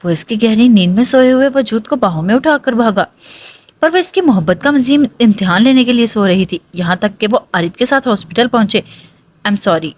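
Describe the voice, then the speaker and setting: A woman's voice: on the high side, lively intonation. Woman narrating a romance novel.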